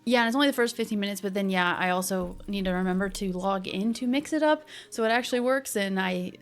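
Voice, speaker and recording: A woman hosts a casual livestream, greeting viewers with playful, bubbly gamer-girl chattiness. She speaks fast at a medium pitch, with background music behind her voice.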